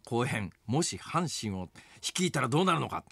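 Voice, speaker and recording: A man's voice: mid-range voice, moderate pace, vocal fry, breathy edge. A man hosting a radio show, chatting casually and wryly retelling a newspaper story. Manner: animated, wry storyteller reading a newspaper aloud. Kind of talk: casual radio talk with news commentary. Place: radio studio.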